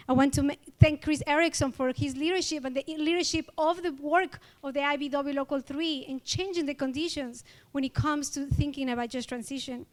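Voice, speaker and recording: An Ecuadorian woman with a Spanish accent from her country accepts an award, sounding earnest and grateful. Her voice sits high, and she pauses and uses fillers as she speaks.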